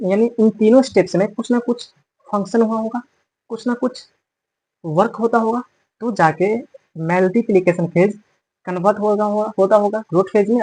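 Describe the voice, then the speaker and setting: A man with a high, slightly mellow voice lectures on biology in a classroom style, mixing English terms into Hindi. As he explains, he repeats and corrects his terms. The recording is rough.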